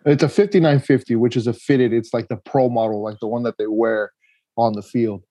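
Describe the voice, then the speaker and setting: Mellow, easygoing male co-host. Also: medium pitch, a little fast, dry recording. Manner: easygoing, hesitant, many "you know"s. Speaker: podcast co-host. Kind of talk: casual podcast chat.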